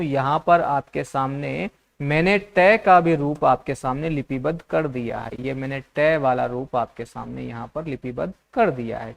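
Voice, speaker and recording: A man's voice: fairly high pitch, gravelly. A man teaching an exam-prep class, posing his students' questions and answering them himself, repeating key terms. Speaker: Hindi teacher.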